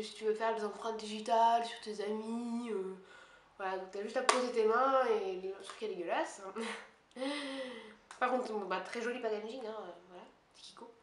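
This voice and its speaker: A woman beauty vlogger talking quickly and casually at home, chatty and poking fun at herself. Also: fairly high pitch. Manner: fast, chatty and self-mocking. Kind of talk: casual monthly favorites haul chat. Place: her apartment. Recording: echoey room with faint hiss.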